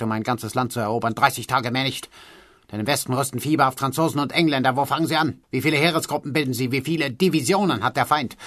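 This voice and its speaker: A man's voice: medium pitch, fairly bright tone, dry recording, clean studio sound, lightly acted. A man voicing an arrogant older man who lectures sarcastically, stretching his emphatic phrases. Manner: mocking, drawn-out emphatic phrases.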